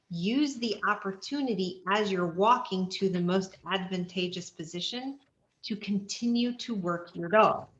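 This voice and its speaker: A woman's voice: medium pitch, fairly bright tone, echoey room, dull audio. A woman instructor explaining search dog strategy to a class in a practical, step-by-step way with frequent fillers. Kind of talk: online class lecture.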